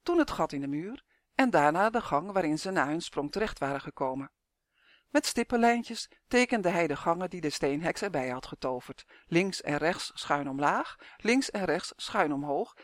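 Male audiobook narrator, high voice, lively, dry close recording. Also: moderate pace, no room sound. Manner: lively, expressive storytelling. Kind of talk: scripted narration of a children's fantasy audiobook.

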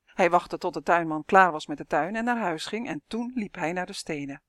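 A woman reading her own children's fairy tale aloud, with clear, lively storytelling and voiced characters. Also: fairly low pitch, normal speed, no room sound, clean studio sound.

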